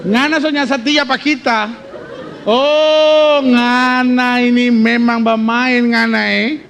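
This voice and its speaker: A man's voice: very high-pitched, fairly even intonation, slow pace, fairly bright tone, a faint crowd, slight background noise, exaggerated voice. A man playing a jealous young wife who scolds in a Manado accent, in a sermon joke. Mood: accusing.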